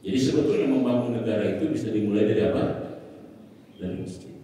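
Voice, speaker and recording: A man's voice: lowish voice, fast, dark tone, a little hiss or hum. A man preaching a sermon in a mosque, emphatic, asking rhetorical questions and answering them himself. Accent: Indonesian. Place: mosque hall. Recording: echoey hall from far off.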